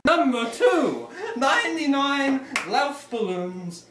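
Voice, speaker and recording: Playing a zany, over-the-top TV chef in a spoof cooking show, a young man shouts manic, sing-song exclamations in mock foreign phrases, all in full character voice. His delivery is very high-pitched and slow. A phone camera a few steps away films him in an echoey home kitchen with a noisy background.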